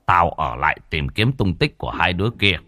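A man voicing an old male village shaman who scolds and shouts. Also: low-pitched, big pitch swings, a little fast, dry recording, full character voice. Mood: relieved.

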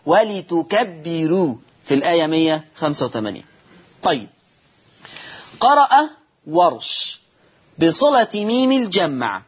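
Husky Egyptian man teaching Quran recitation. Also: on the high side, big pitch swings, a little slow, long pauses. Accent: Egyptian Arabic. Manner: explains step by step, asks and answers his own questions. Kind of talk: TV lesson on Quran reading rules.

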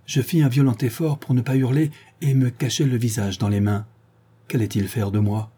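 A man narrating an audiobook in a steady, measured storytelling manner. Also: mid-range voice, husky. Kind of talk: scripted narration.

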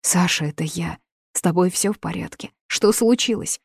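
A woman's voice: on the low side, moderate pace, gravelly, a little mellow, slightly rough, no echo, studio quality. A woman voicing a desperate young woman in love, pleading in urgent outbursts. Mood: frantic.

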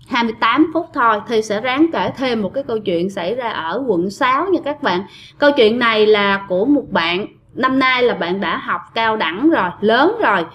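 Lady chatting thru listener ghost stories, kinda high voice, lots of fillers, muffled audio. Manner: chatty, addresses listeners directly, many fillers. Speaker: ghost story narrator. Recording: dull lo-fi audio.

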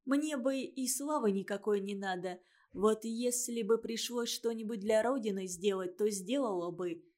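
A woman reading a story and voicing an earnest young schoolgirl who speaks quietly. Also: mid-range voice, normal speed, lightly acted.

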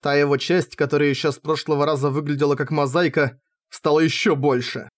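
A man's voice: fairly high pitch, level tone, a little fast. A man reading a novel aloud in first person, with a wry, conversational manner. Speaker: audiobook narrator.

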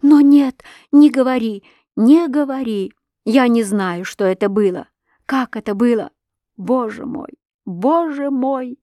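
A woman's voice: slow, warm tone, no room sound, studio quality. A woman voicing a distraught pleading wife. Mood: desperate. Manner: high, tearful pleading. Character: distraught young wife pleading with her husband. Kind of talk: audiobook reading of a classic novel.

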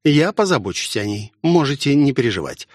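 Man voicing a snarky mean nurse lady, higher voice, audiobook. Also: big pitch swings, a little fast, no room sound, clean studio sound. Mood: sarcastic. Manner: mocking, sarcastic. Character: malicious woman nurse, gleefully cruel.

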